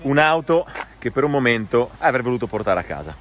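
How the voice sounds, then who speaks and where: With heavy background noise and music playing, an Italian-accented man vlogs outdoors in a mountain town, excitedly pointing out cars to his viewers. His mid-range voice moves fairly quickly, and his commentary is casual and enthusiastic.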